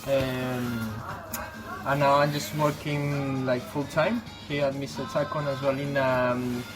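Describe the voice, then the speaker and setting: A man's voice: medium pitch, flat delivery, unhurried, music in the background, low-quality recording. A young man from Venezuela who works at a taco shop, answering interview questions hesitantly with lots of um, uh and like. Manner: hesitant, many ums and likes.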